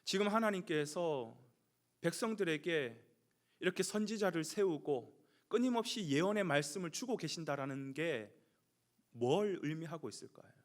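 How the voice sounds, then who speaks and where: Lively, animated male pastor preaching. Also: a little high, moderate pace. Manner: animated storytelling, acts out quoted voices. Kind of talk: dawn sermon.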